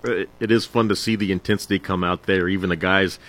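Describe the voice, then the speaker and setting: A man's voice: deep voice, fairly even intonation, fast, fairly bright tone. A man hosting an interview podcast in a friendly, easygoing way. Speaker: podcast host.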